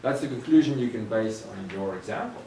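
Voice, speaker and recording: A math instructor's classroom lecture is captured by a distant mic in a roomy lecture room, with slight background noise. He has a fairly low, warm, expressive voice and speaks fairly quickly, patiently working through the reasoning with examples. Sometimes he trails off and starts again.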